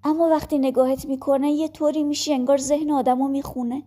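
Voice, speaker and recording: A woman voicing a warm-hearted young nursemaid who chats sympathetically in a storybook reading. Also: high-pitched, little pitch movement, lightly acted. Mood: sympathetic.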